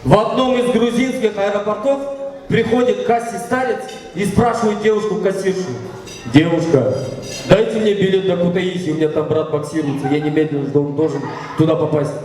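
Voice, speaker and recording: A man's voice: sits high, darkish tone. A man hosting a party as toastmaster, telling jokes and quizzing guests in a playful, teasing way. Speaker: wedding toastmaster. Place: banquet hall. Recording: echoey banquet hall from far off, crowd.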